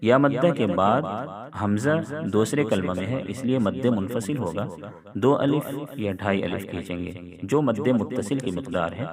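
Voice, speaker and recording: A man teaching Quran recitation rules step by step, calmly explaining each letter. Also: lowish voice, a crowd in the background. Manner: explains rules calmly, then chants verses slowly. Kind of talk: step-by-step tajweed lesson.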